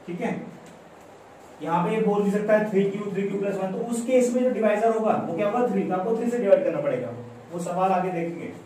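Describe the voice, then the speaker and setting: A man's voice: high voice, mellow. A man teaching a maths lesson in Hindi with English terms and an Indian accent, explaining step by step, repeating phrases and quizzing his students. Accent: Indian English mixed into Hindi. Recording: very echoey room, mic far off, faint background noise.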